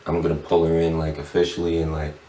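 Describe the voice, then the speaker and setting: A man's voice: a bass voice, completely flat delivery, fast, mellow, a little hiss or hum. A middle-aged man chatting casually as a podcast guest in a laid-back, slangy stoner drawl. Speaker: podcast guest, tattoo shop owner. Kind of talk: casual chat. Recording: roomy echo, distant mic.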